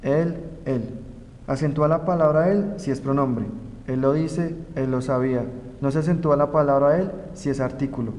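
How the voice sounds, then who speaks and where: A man's voice: mid-range voice, steady tone, a little mellow. Young man reading grammar rules, roomy sound. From Colombia. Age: young adult. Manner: slow, careful reading of rules and example words. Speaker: student presenter. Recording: roomy reverb, faint background noise.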